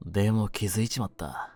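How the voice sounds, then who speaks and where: A man plays a world-weary young mafioso in an intimate, ASMR-like Japanese situation-voice roleplay. His low-pitched voice is soft-spoken and brooding, with a rough, streetwise masculine manner.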